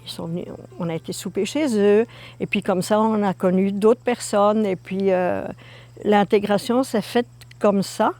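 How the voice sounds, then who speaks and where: An older woman from Belgium, telling her immigration story in a documentary with lively, repetitive emphasis. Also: mid-range voice, moderate pace, no echo. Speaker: interviewee. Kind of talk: documentary testimony.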